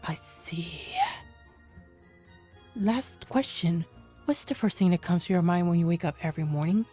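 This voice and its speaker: A woman's voice: on the low side, expressive, dark tone, soft background music. A woman reading as a sly male doctor. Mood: probing. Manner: measured, questioning delivery. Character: smooth-talking male doctor questioning a cop. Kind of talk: reading game dialogue aloud.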